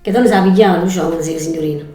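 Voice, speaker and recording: A woman's voice: lowish voice, quick pace, warm tone. A middle-aged woman with a Neapolitan accent, chatting informally in dialect. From Naples area, Italy. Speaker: mother of the vlogger, makeup model. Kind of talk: casual chat in dialect. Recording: roomy echo, music behind.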